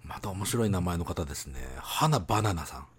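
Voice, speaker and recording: A man co-hosting a casual podcast chat, animated and teasing, laughing often. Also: deep voice, a little fast, husky. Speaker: podcast co-host.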